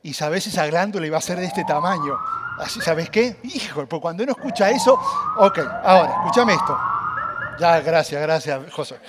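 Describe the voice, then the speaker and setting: A man's voice: fairly high pitch, lively intonation, brisk, very noisy. A man preaching a sermon, speaking animatedly and addressing the audience directly.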